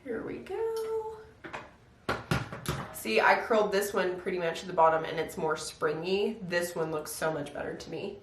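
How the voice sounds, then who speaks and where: A young stay-at-home mom with a lowish voice chats casually at home through a step-by-step get-ready-with-me routine, talking a little fast with few pauses. She's relaxed and says "like" a lot, while background noise and an echoey room leave her voice a bit distant.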